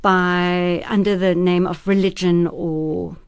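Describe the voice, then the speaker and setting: A South African woman whose first language is Afrikaans speaks slowly in a lowish, level voice with a clean tone and no echo. She's an actress and producer in a radio interview, earnest and thoughtful, with some restarts.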